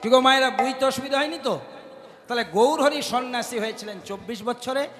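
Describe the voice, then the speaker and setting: A man's voice: extremely high pitch, brisk. A man giving a devotional kirtan sermon who keeps turning to the audience with questions. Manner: addresses the audience directly with questions. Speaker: kirtan singer and preacher. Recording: long hall reverb with music.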